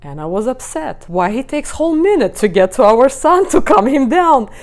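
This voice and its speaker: A woman's voice: high voice, normal speed. A middle-aged woman relationship coach, telling stories from her marriage to a group and acting out what was said. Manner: storytelling, animated acting out of quotes. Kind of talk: talk to a live group.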